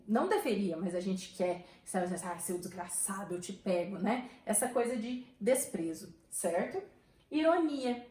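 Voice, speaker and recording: A woman's voice: medium pitch, echoey room, rough recording. A woman with a Brazilian Portuguese accent who teaches a grammar lesson in a chatty way and keeps checking in with her students. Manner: chatty, checks in often with tag questions.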